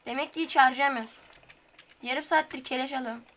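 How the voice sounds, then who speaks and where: A woman, hosting a gaming video with casual gameplay commentary. She chats straight to the viewers and bursts into high, frustrated yelps. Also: fairly even intonation, fairly quick, fairly bright tone. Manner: talks straight to viewers, colloquial.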